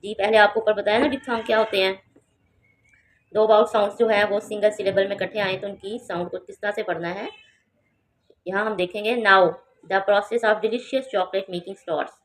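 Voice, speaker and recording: Woman teaching a slow lesson. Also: medium pitch, little pitch movement. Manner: reads English sentences slowly, then explains in Urdu. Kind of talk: home-schooling lesson.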